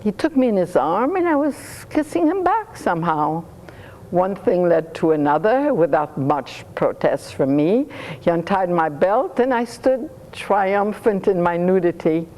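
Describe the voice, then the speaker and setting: A woman storyteller reading her own stories in rhyming verse, lively and playful. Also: lowish voice, unhurried, low-quality recording.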